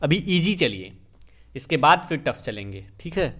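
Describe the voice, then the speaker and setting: A man's voice: on the high side, big pitch swings, moderate pace, fairly bright tone. A man, teaching English grammar as a teacher, explaining step by step and answering his own questions. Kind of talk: classroom lesson explaining grammar.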